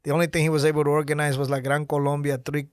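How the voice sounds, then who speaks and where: A middle-aged man speaking as a guest in a podcast studio interview, talking with energy and animated conviction. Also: on the high side, racing, smooth, no echo. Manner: energetic, gestures while talking. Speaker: guest, nonprofit founder. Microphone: studio mic on boom arm.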